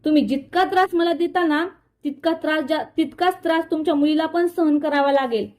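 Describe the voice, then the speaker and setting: A woman's voice: high-pitched, steady tone, a little fast, a little mellow, close to an everyday voice. A woman voicing an angry, scheming young woman in a retold serial, hurling accusations.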